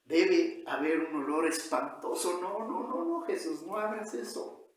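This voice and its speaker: A preacher voicing Marta, a grieving woman who pleads and protests in a raised pitch. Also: animated, unhurried, recorded from a distance. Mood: pleading protest. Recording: echoey church hall.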